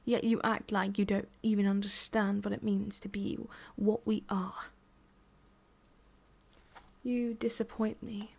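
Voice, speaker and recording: Here the same English woman plays a cruel, belittling female demon boss for ASMR, measured in pace and drifting from soft speech into whispers. Her medium-pitched voice holds a level, creaky tone that carries anger and disappointment.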